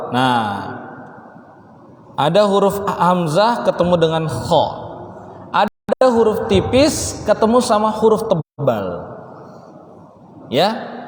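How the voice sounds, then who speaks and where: A man teaching Quran recitation rules to a mosque class, joking and teasing his students and drawing out the recited words slowly. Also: high-pitched. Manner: playful, teasing, mimics exaggerated greetings, slow drawn-out recitation. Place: mosque hall. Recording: echoey mosque hall with long reverb.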